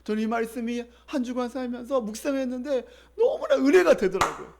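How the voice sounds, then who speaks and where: A man's voice: extremely high pitch, big pitch swings, fairly quick, vocal fry, background noise. A male pastor preaching a sermon in a conversational, storytelling way, asking the congregation questions and leading them in call-and-response readings.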